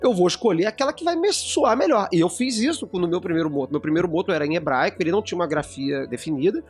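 A man's voice: sits high, expressive, fast talker, faint music behind. A man co-hosting a casual podcast discussion, explaining at length with frequent restarts. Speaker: podcast co-host.

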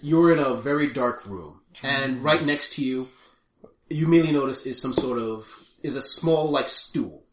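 A man running a tabletop game as game master, describing scenes with halting fillers. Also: mid-range voice, roomy sound, far from the mic, slight background noise.

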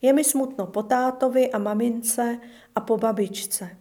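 A woman's voice: on the high side, warm tone, close to an everyday voice. A woman reading as a pleading orphan boy. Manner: pleading, wistful. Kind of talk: storybook reading.

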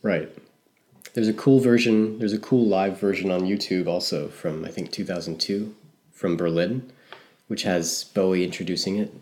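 Male co-host, very low voice, casual rambling music chat. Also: fairly even intonation, normal speed, darkish tone. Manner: rambling, self-correcting, hedging. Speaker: podcast co-host.

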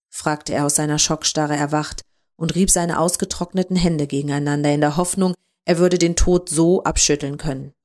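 A woman reading a dark short story aloud in a calm, measured narration. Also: fairly low pitch. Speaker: story reader.

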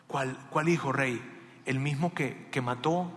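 A man's voice: mid-range voice, a little slow, fairly bright tone, close to an everyday voice. A man playing a blunt soldier questioning his king, incredulous. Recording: echoey hall.

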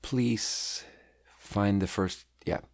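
A man's voice: lowish voice, drawn-out words, vocal fry, a little mellow. A man in his thirties from Sweden, chatting casually as a podcast host, rambling and self-deprecating as he reads out his own writing. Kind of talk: casual chat.

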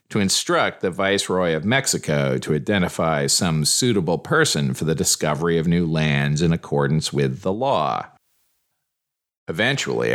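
A man's voice: rumbling low, fairly bright tone. A man hosting a history podcast, reading scripted narration with wry asides and carefully sounding out Spanish names in a way.

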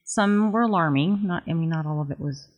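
A middle-aged woman working as a psychic medium and Reiki teacher. She answers interview questions calmly and explains things, often saying "um" and "you know." Her voice comes from a worn tape copy. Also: low-pitched, fairly quick. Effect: dull, worn lo-fi tape copy.

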